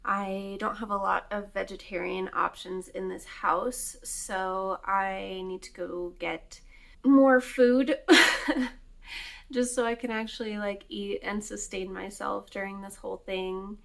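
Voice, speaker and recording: A woman in her late twenties chats to the camera in a casual home vlog. She talks slowly and easily, at a middling pitch, with fillers and small laughs. She sounds like she is recorded on a camera mic in her kitchen. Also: fairly even intonation, gravelly, a bit bright. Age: 20s. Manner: chatty and unhurried, with fillers and little laughs. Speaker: vlogger.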